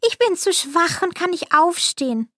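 Frail old grandmother, high and feeble, voiced by a woman, dry storybook read. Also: expressive, normal speed, pushed and bright, no room sound, exaggerated voice.

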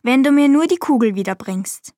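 A woman's voice: high-pitched, animated, moderate pace, dark tone, dry recording, clean studio sound, pitched above the performer's own voice. A woman reading a fairy tale aloud and voicing a spoiled, tearful young princess in a light voice. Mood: pleading. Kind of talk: storybook reading.

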